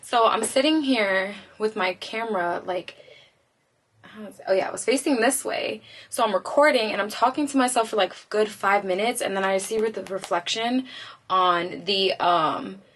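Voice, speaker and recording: A woman's voice: medium pitch, normal speed, fairly bright tone. Woman vlogger, out of breath, rambling casual chat, self-teasing, phone camera at home. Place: home office indoors.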